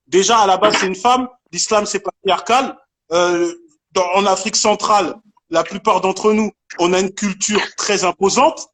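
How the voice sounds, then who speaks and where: A man from Congo with a notably high voice debates live over a call. He is emphatic and insistent, and he restarts his sentences often. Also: normal speed, a bit bright. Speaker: debate participant.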